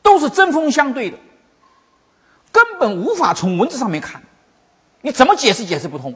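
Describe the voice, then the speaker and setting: Very husky, animated Buddhist teacher. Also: high voice. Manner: storytelling, acting out quoted masters; repeats and explains phrases slowly. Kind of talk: Chan Buddhist teaching talk.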